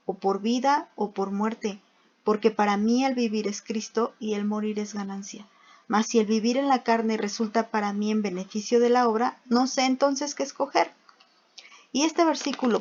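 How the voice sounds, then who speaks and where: Mujer predicando con voz aguda, grabación opaca. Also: female voice, a little high. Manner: asks rhetorical questions, reads scripture aloud. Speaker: preacher. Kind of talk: bible teaching. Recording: dull lo-fi recording.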